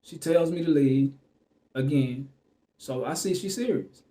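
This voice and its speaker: A man's voice: a little high, measured pace, dark tone. A man telling a personal story to the camera in a loose, rambling way, full of fillers and restarts. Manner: loose and rambling, full of "you know what I'm saying" and fillers; restarts and trails off mid-sentence.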